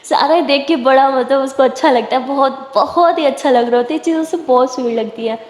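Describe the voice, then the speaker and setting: A woman narrating a story in a chatty, animated way. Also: high voice. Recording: echoey room with long reverb.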